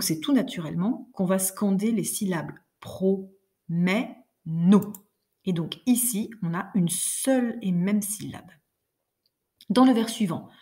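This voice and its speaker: A woman teacher explaining poetry to her class, reading lines of verse aloud slowly and patiently. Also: lowish voice, dark tone. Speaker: French teacher. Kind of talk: recorded class lesson.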